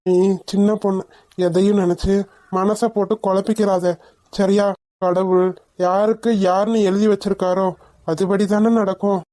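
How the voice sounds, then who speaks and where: A performer voicing a gentle older brother. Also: medium pitch, level tone, moderate pace, natural voice. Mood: consoling. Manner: soothing, consoling. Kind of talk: cartoon voice acting.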